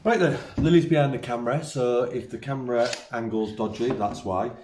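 A woodworking channel host with a mid-range voice talks fairly quickly over loud music as he builds furniture in a large indoor workshop. He chats casually, explains each step, and pokes fun at himself; the recording has roomy workshop echo and faint noise.

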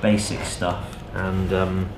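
A man in his thirties, a channel host, talking in a relaxed, practical way as he demonstrates a craft in a cluttered indoor workshop, picked up by a camera mic at a distance. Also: low voice, slow pace. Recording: echoey workshop with background noise.

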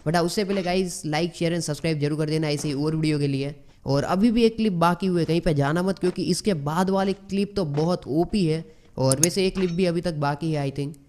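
A man from India giving excitable gameplay commentary as a gaming YouTuber, mixing English slang into his talk. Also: a little high, a little fast, slight background noise. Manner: excitable, mixes English slang into Hindi, frequent exclamations.

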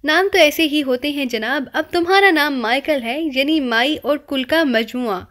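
A woman's voice: high-pitched, fairly bright tone. A woman voicing a cheeky young male spy who teases people with mock-polite, rambling wordplay, in an audiobook reading. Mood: playful teasing.

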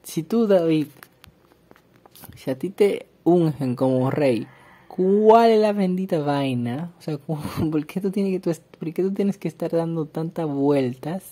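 A man reads a psalm aloud, then comments on it in an emphatic manner with animated asides, repeating words for stress. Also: on the high side, a little slow. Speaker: Bible reader and preacher. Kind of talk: scripture reading with sermon commentary.

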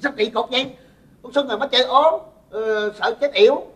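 A whiny exasperated son. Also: male voice, extremely high pitch, brisk, fairly bright tone, recorded from a distance. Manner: whiny, teasing, pleading. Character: exasperated grown son seeking a wife. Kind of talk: stage comedy sketch.

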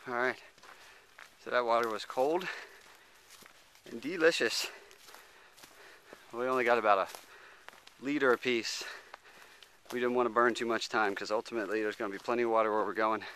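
A man's voice: mid-range voice, moderate pace, long pauses, sharp tone, slight background noise. A young man narrating a hiking trip outdoors in an easygoing, joking way into a handheld camera. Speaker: hiker filming a trip. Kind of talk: casual vlog narration. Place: outdoors on a mountain trail.

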